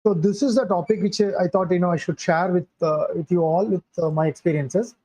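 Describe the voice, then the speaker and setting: A man's voice: sits high, fairly quick, mellow, rough recording. An older man with a Tamil Indian accent gives an informal talk as a guest speaker, in hesitant, repetitive phrasing. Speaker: guest speaker, IT security consultant.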